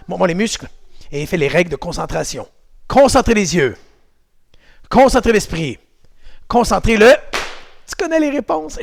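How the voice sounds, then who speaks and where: Guy coaching kids karate, high voice w/ some gravel, shouting counts. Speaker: karate instructor. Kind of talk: online kids' karate class.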